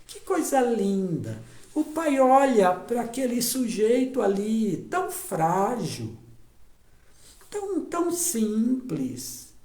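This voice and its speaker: A man's voice: high voice, vocal fry, darkish tone, roomy sound. A man preaching a sermon, emphatic and repeating phrases for effect.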